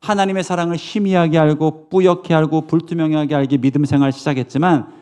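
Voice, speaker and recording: A man preaching a Sunday sermon in a slightly high voice. He drives each point home by repeating key words and asking the congregation questions. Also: steady tone, fast, darkish tone. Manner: emphatic, repetitive, rhetorical questions. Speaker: pastor.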